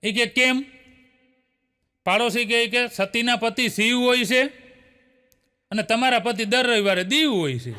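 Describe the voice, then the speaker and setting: A male comedian tells jokes one after another, his voice high and bright. He chuckles through his storytelling, and the sound rings with a long hall reverb. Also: moderate pace. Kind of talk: stand-up joke telling.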